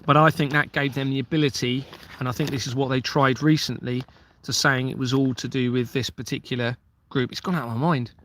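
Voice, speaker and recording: The speaker is a Kent man, once a police officer, now hosting a casual livestream where he goes through viewer comments and drifts off earnestly, now and then losing his thread. His mid-range voice is level and fairly bright, and he talks fairly quickly.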